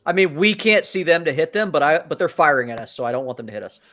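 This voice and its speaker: A man's voice: a little high, expressive, fast, a bit bright. A man talking casually as a player in a tabletop role-playing game.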